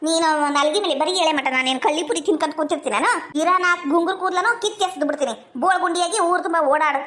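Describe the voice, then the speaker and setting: A woman's voice: very high voice, rapid-fire, a bit bright, a little hiss or hum. A woman with a North Karnataka Kannada accent, performing a village comedy sketch in a bragging, quarrelsome manner. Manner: bragging, quarrelsome, playing several village women.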